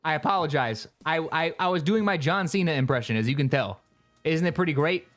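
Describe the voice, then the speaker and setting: A live streamer giving rambling, chatty gameplay commentary while talking to chat, with excitable bursts. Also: mid-range voice, brisk, soft background music.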